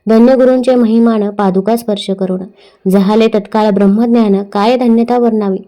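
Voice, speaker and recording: A woman reads devotional scripture aloud in a steady, recited verse cadence. Her voice sits fairly high but sounds mellow and warm. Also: moderate pace. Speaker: scripture reader.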